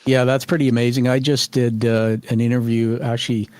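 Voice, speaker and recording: A man's voice: mid-range voice, flat delivery, a little fast, darkish tone, dry recording. Friendly rambling male podcast host. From Canada. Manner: friendly, rambling, laughs easily. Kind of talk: conversational interview. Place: studio.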